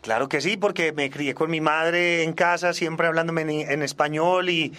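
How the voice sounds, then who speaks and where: Speaking at a normal pace, this man has a slightly high, bright voice with fairly even intonation and a forceful tone. He's an Australian native English speaker in his forties, a salsa singer and trombonist chatting casually as a radio interview guest.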